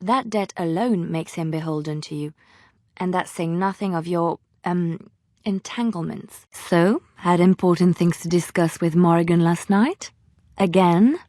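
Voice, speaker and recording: A woman's voice: fairly low pitch, measured pace, mellow, no room sound. Leliana, an earnest woman bard, close and dry. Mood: wry. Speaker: voice actor in a fantasy role-playing game. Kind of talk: dramatic video game dialogue.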